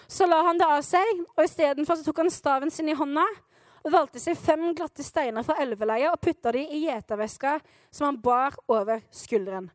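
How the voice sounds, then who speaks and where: A woman preaching to a youth meeting, retelling a Bible story in a playful, animated way, questioning her audience and acting out the characters. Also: high voice, dry recording.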